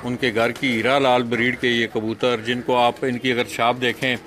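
A man's voice: medium pitch, level tone, normal speed, a bit bright, a little hiss or hum. A man showing pigeons to the camera, talking viewers through each bird and giving short instructions to a helper. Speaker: pigeon fancier vlogger. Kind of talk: explaining to camera, guiding a helper. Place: rooftop pigeon loft outdoors.

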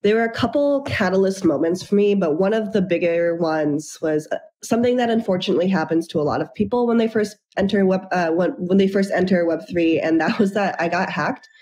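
A woman's voice: on the low side, a little fast, a little mellow. A young adult woman, a startup founder, telling her story fluently and upbeat as the guest in an interview over a video call from a room at home. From Japan and the United States. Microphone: video call webcam.

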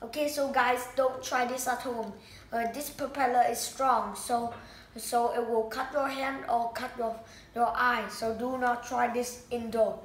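A woman vlogger unboxing a toy, excitedly exclaiming and talking to viewers in slightly broken English. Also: on the high side, a little slow. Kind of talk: casual unboxing vlog. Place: indoors at home. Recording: echoey room, faint noise.

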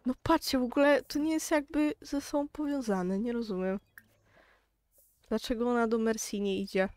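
With a slightly high, darkish voice at a moderate pace and no echo, this young woman addresses her viewers directly. A gaming YouTuber with a Polish accent, she keeps up a chatty, exasperated running commentary on her game.

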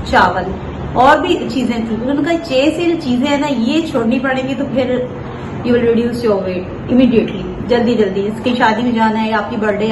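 A young woman chats her way through a home recipe vlog in a fairly high voice. She talks loosely, with plenty of fillers. The camera mic sits a few feet off in an echoey kitchen with steady background noise. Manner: chatty, gestures a lot while talking, many fillers. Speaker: cooking vlogger. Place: home kitchen and dining table, indoors. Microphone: camera mic from a few feet away.

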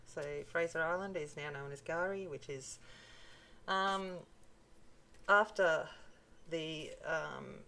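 Crafting at her home desk indoors, this papercraft channel host, a broad-accented middle-aged woman from North Queensland, chats in a casual, self-deprecating way. Her fairly low, fairly bright voice comes through a tabletop mic with a little hiss or hum, and an overhead camera shows her hands.

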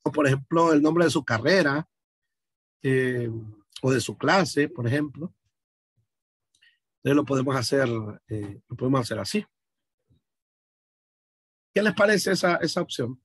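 A man's voice: medium pitch, animated, a little slow, long pauses, husky, no room sound. A man from Honduras teaching an online class over a video call, explaining patiently and speaking directly to his students.

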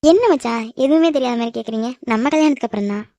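Fast high Tamil-accented woman for a cartoon dub, sharp scolding delivery, dry close recording. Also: no room sound. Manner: scolding and teasing. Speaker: voice actor in a cartoon. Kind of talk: animated cartoon dub acting.

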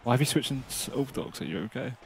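A man's voice: medium pitch, animated, very fast, gravelly, background noise. A young man hosting a fighting-game match, teasing and trash-talking his opponent. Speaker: channel host. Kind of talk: casual gaming banter.

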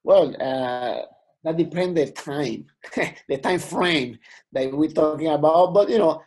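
A man's voice: a little high, slow, darkish tone, husky. A middle-aged man from Puerto Rico with a Puerto Rican accent in English, a guest musician rambling casually on a video call. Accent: Puerto Rican Spanish-accented English. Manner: rambling, many "you know" fillers.

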